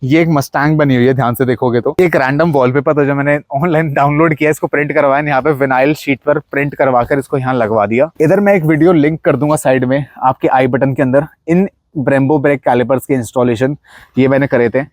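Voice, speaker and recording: Talking a little fast in a steady, mid-range voice with no room sound, a young man shows off his modified car. He has an Indian accent, points things out as he walks around, and chats casually in a mix of Hindi and English.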